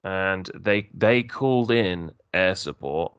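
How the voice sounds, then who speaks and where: A man co-hosting a podcast, retelling stories in a relaxed way with hesitant restarts. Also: low-pitched, slow, clean tone, no room sound. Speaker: podcast co-host. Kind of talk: casual podcast discussion. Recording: dull lo-fi dry recording.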